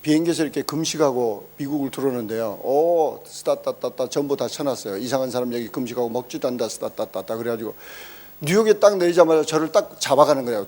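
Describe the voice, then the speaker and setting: A man preaching a sermon, telling a story with animated exclamations and acting out quoted speech. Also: a little high. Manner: emphatic exclamations. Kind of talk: sermon testimony.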